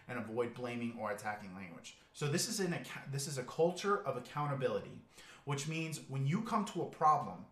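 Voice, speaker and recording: A man's voice: medium pitch, reverberant. A man giving a live coaching talk to business owners, earnest and repetitive, often asking "right?". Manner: earnest, coaching tone, repeats key phrases, frequent "right?". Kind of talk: live webinar presentation.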